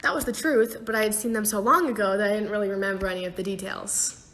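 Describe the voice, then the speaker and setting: A woman's voice: medium pitch, steady tone, quick pace, fairly bright tone, slight background noise. Giggly young woman telling a storytime. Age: young adult. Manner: giggly, chatty, frequent laughter. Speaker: TikTok storyteller. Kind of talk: casual storytime vlog.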